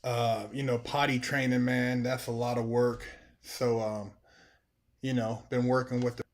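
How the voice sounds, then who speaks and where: A man's voice: mid-range voice, little pitch movement, unhurried. Laid-back American man livestreaming to viewers. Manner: laid-back, colloquial, often saying "man". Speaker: live streamer, channel host. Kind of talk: casual livestream chat to viewers.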